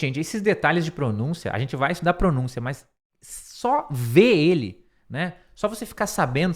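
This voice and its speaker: Middle-aged guy teaching english, kinda high voice, says words over and over slow, fixes himself mid-sentence. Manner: repeats words slowly to model pronunciation; thinks aloud and corrects himself mid-sentence. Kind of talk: English lesson explaining a speech line by line.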